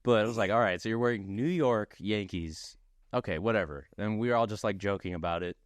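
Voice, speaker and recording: A podcast co-host chats and tells stories casually, his talk full of slang and swearing. His voice is lowish and fairly quick, with no room sound.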